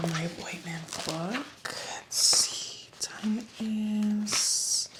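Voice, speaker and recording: A woman whispering softly and slowly in an ASMR roleplay as a spa esthetician, chatty and reassuring. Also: medium pitch. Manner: soft whisper, slow and soothing, chatty reassurance.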